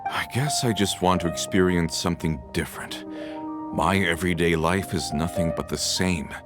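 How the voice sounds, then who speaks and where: A man's voice: deep voice, normal speed, music in the background, natural voice. An actor playing a weary, hesitant middle-aged working man in a video game, plainspoken and resigned.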